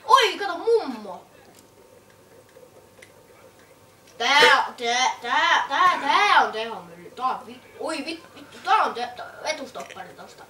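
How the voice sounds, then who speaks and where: Someone voicing a foul-mouthed, excitable little boy playing a game, swearing constantly and stumbling over words. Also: mid-range voice, long pauses. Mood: excited. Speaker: gameplay commentator. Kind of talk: swearing gameplay commentary. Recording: echoey room, far from mic, noisy.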